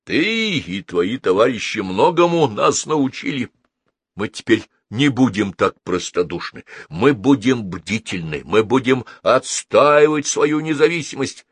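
A man's voice: mid-range voice, sing-song, measured pace, husky, no echo, pitched above the performer's own voice. A man reading solemn officials' farewell speech. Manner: solemn, declamatory.

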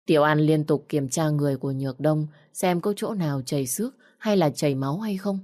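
Low-voiced woman reading a romance story. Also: fairly quick, mellow. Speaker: narrator. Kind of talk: scripted storybook narration.

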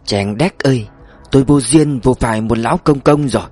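A man's voice: medium pitch, normal speed, a little mellow, faint music behind, close to an everyday voice. A man voicing a blunt old mountain woman. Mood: choked lament. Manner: lamenting, coaxing.

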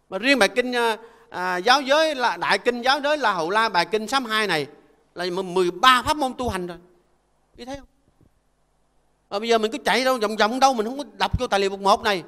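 An older Buddhist monk gives a folksy, conversational dharma talk and keeps asking listeners to agree. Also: male voice, high-pitched, sharp tone, long reverb tail. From Vietnam. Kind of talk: conversational sermon.

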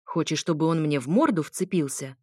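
A woman voicing a grumpy, sarcastic young man in an audiobook, speaking gruffly and snappishly. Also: low voice, lively intonation, a little fast, a little mellow, dry recording, studio quality.

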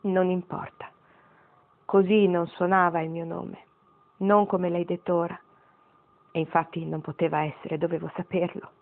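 A woman's voice: on the low side, flat delivery, normal speed, vocal fry, pauses often, narrow, tinny audio. A woman voicing a very old grandmother, wistful and wry, speaking tenderly to her great-grandchild in a storybook reading.

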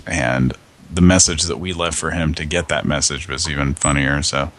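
A man hosting a casual radio show, hoarse with a scratchy throat, rambling and meandering as he talks. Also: rumbling low, fairly even intonation, moderate pace, a bit bright. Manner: rambling, meandering, chuckling often.

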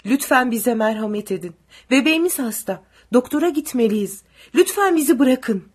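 A terrified young mother begs through her tears, as a woman reader plays her. The voice is husky and high. It comes from a storybook reading. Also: lively intonation, normal speed. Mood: tearful begging. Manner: tearful pleading.

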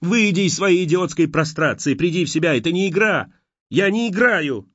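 Man acting desperate young woman, raised pitch, frantic, shouting, muffled recording. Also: expressive, takes it slowly, husky, dry recording, full character voice. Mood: furious. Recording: dull lo-fi audiobook recording.

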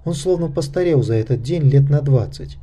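A man narrating an audiobook of a fantasy mystery in a measured, steady reading. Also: mid-range voice. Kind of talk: scripted narration.

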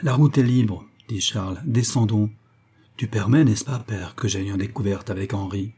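A man voicing an eager young man in an adventure audiobook, speaking quietly and earnestly. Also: lowish voice, moderate pace, slightly rough.

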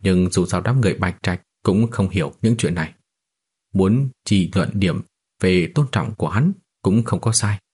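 A man narrating a fantasy novel as an audiobook in a steady, even reading style. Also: sits low, moderate pace, breathy edge.

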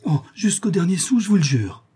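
A man's voice: high voice, big pitch swings, moderate pace, warm tone, husky, voice pushed up, exaggerated voice. A man voicing a young peasant maid who confesses and pleads through tears. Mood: tearful pleading.

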